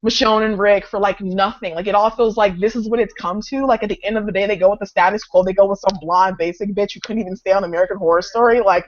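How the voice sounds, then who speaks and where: A woman's voice: mid-range voice, fairly even intonation, fast, few pauses, dull audio. Profane ranting woman on a call. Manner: frustrated, profane, filler-heavy ranting. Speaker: fan in a live discussion. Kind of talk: casual group chat rant. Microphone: video call.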